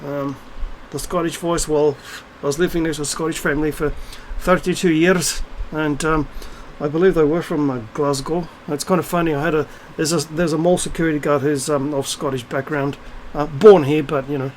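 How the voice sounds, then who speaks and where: Middle-aged guy ranting on his vlog, kinda high voice, swears a lot, lots of ums, bit of background hiss. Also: steady tone, moderate pace, hardly any pauses, rough recording. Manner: blunt, profane, rambling with many fillers and restarts. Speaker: video blogger. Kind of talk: unscripted ranting monologue.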